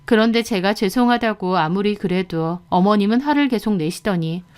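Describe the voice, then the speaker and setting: A woman narrating a first-person story in a steady, earnest way. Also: mid-range voice, normal speed, smooth.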